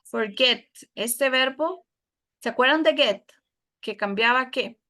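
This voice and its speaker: A woman's voice: high-pitched, a little slow, sharp tone. A woman teacher with a Costa Rican Spanish accent, explaining a lesson patiently to her students. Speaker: English teacher.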